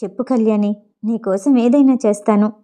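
A remorseful young man pleading softly, as a female narrator voices him. The delivery is hushed and a touch lower than her usual voice, with a mellow tone. It sits inside a spoken storybook. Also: fairly even intonation, normal speed, close to an everyday voice. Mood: gentle. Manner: soft, apologetic. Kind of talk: audiobook character voice.

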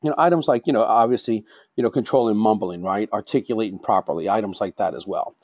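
Male safety instructor, middle-aged, quick and chatty, checks in with the class often, dry close sound. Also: lowish voice, a little mellow, no echo. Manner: says he talks fast, tags lines with "right?" and "okay?". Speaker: safety trainer. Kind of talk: online classroom lecture.

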